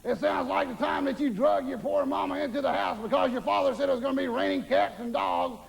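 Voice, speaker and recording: High, creaky campy horror host. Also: male voice, fast talker, full character voice. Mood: mocking. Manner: theatrical, teasing, mock-spooky horror host delivery. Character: campy, lewd, gleefully ghoulish male horror host.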